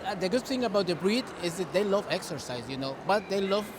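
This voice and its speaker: A man's voice: high-pitched, animated, fast, background noise. A man from Costa Rica, a longtime dog breeder, giving earnest interview answers outdoors and often restarting words.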